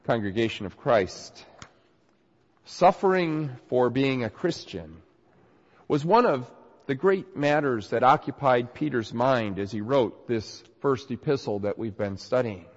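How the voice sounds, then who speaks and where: Getting over a cold, a male pastor preaches an earnest, emphatic sermon with scripture reading, his voice slightly nasal and raspy. He talks slowly, and his lively pitch swings animatedly as he makes his points. The recording is dull and muffled, with long reverb from the hall.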